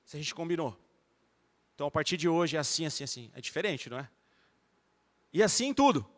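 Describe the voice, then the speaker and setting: A man with a Brazilian accent delivers a fervent evangelical sermon, his fairly high voice moving between hushed and loud stretches. The sound carries a long reverb from the church hall around him. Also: big pitch swings, fast. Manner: fervent preaching, swinging from soft to loud. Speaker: pastor.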